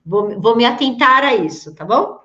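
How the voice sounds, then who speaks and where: Brazilian woman, brisk live-stream coach, higher voice, roomy and slightly muffled audio. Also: expressive, fairly bright tone. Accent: Brazilian Portuguese. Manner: fast talker, admits rushing her words; peppers sentences with tag questions. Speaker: host of a live coaching session for health professionals. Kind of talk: live-streamed teaching talk.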